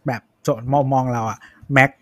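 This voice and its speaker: A man's voice: mid-range voice, level tone, moderate pace. A man co-hosting a casual tech podcast, chiming in with details and opinions in short bursts. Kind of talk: casual chat.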